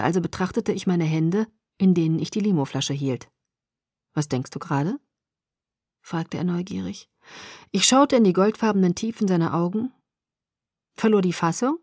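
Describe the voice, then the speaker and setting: A woman narrates an audiobook in the first person with a measured, steady storytelling read. Her voice sits on the low side. The recording is dry and close, with no room sound. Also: no echo.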